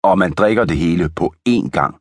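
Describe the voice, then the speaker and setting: A man's voice: low-pitched, dry recording, clean studio sound. A man voicing a mocking, teasing saloon bartender in a children's audiobook.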